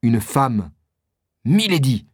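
A man voicing a bold young male swordsman hero, raising his voice higher and exclaiming. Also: very animated, takes it slowly, a little mellow, husky, no echo, studio quality, full character voice. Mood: earnest.

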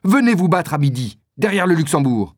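A proud musketeer answers in a haughty, clipped manner, as a man reads him aloud. The pitch is raised well above a plain speaking voice. The sound is dry and close. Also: very animated, a little fast, dry recording. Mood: offended. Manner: haughty, curt. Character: proud touchy male musketeer.

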